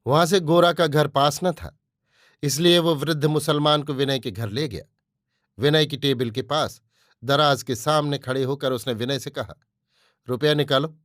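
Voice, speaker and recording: Male audiobook narrator, steady storytelling, slightly higher pitch, dry close sound. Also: moderate pace, dry recording. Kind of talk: scripted narration.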